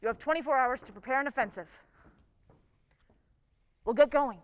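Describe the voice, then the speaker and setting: A woman playing a vain, lazy female chief of a cop federation, commanding and brisk in a live stage comedy. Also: high voice, natural voice. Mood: bossy. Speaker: stage actor. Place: theatre stage. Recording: long reverb of a theatre stage.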